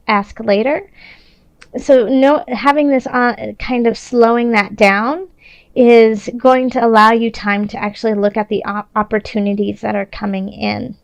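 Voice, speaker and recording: A tarot reader gives a casual, improvised reading, talking conversationally and often restarting her thoughts while staying reassuring and encouraging. Her voice is a little high and creaky with a clean tone. There's no echo.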